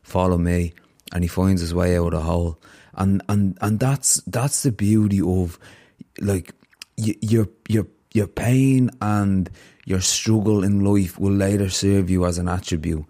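Warm and low, this podcast host's voice moves unhurriedly. He offers his guest earnest, heartfelt reflection and tells a parable at length.

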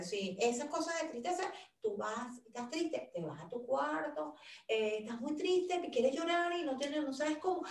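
A middle-aged woman with a fairly high voice talks in a relaxed, chatty way about caregiving. She tells lively stories and acts out each person's lines. Her voice sits a little back from the mic in a room with a noticeable echo. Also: far from the mic. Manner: animated storyteller, acts out quotes of her father and herself. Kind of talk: casual talk sharing caregiving advice.

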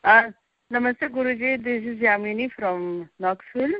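Phone-in caller, woman, high voice, hesitant with restarts, dull dry phone-line sound. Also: moderate pace, no room sound. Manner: hesitant, repeats words as she starts sentences. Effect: caller heard over a phone line. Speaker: caller to a spiritual call-in show. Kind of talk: respectful devotional caller.

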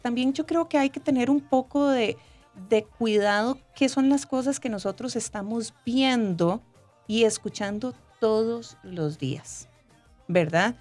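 A woman's voice: a little high, measured pace. A woman explains her points in a casual, thoughtful way. She tags her sentences with questions to keep the listener with her. Faint music plays under her voice. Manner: frequent tag question "¿verdad?", warm explanatory tone.

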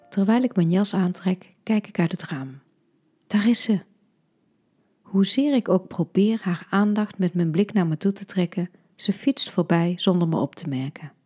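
Husky, half-whispering woman storyteller. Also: lowish voice. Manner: soft, intimate, often half-whispered. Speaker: podcast storyteller. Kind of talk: scripted narration.

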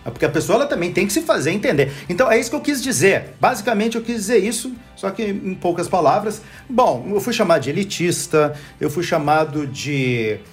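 A Brazilian man who teaches English, explaining his view in a casual, animated panel chat. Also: high-pitched, fairly quick, few pauses, faint music behind. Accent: Brazilian Portuguese. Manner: animated, explanatory, self-correcting.

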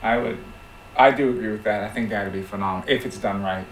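A man on a discussion panel talking in an emphatic, excitable way. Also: fairly low pitch, quick pace, roomy sound, slight background noise, rough recording. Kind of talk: casual panel chat.

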